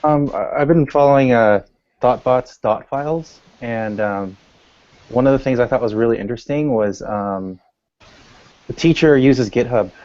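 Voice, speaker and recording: A man's voice: mid-range voice, normal speed, darkish tone. A man in a casual group discussion on a call who speaks hesitantly, with many fillers. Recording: dull lo-fi call audio.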